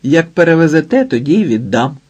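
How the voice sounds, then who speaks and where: A man's voice: on the high side, sing-song, a little fast, a little mellow, slightly rough, highs cut off, pitched above the performer's own voice. A man voicing a bold, cocky young giant of a man who bargains coolly and brashly, in an audiobook. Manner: brash, cool-headed bargaining.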